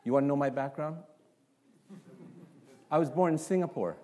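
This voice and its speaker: A Canadian pastor delivers a sermon in church, beginning with a quiet prayer before peppering his congregation with one rhetorical question after another. He is animated, with a fairly high-pitched voice and a moderate pace.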